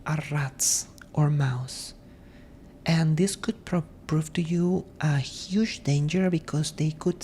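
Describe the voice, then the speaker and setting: Soft asmr lady, really slow n breathy, half whispering, soothing, faint rumble behind her. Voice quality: breathy, often dropping into whisper. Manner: soothing, gentle, reflective. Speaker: ASMR host. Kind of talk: soft ASMR monologue for sleep, often whispered.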